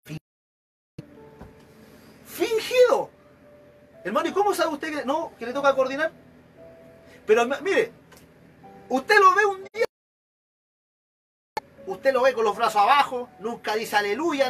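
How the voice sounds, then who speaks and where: A Chilean man with a very high voice preaches an evangelical sermon a little fast, acting out examples of church members in an animated way. Faint music plays behind him.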